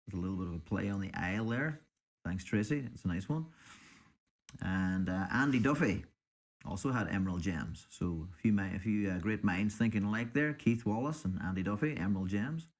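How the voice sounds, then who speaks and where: A man with a fairly low voice talks as a podcast co-host. His delivery is unscripted and chatty, with hesitant pauses and an appreciative tone as he reads things out. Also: expressive. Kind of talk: casual unscripted chat, reading out listener suggestions.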